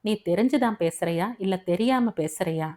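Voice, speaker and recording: A woman's voice: mid-range voice, lively intonation, normal speed, darkish tone, lightly acted. A woman voicing a stern, angry middle-aged father in an audio novel, speaking in a scolding, bitter way.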